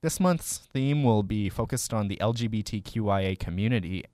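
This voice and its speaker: A young man hosting a college radio show, upbeat and quick to laugh, sometimes stumbling over his words. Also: on the low side, warm tone, dry recording, studio quality. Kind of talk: casual radio chat and announcements.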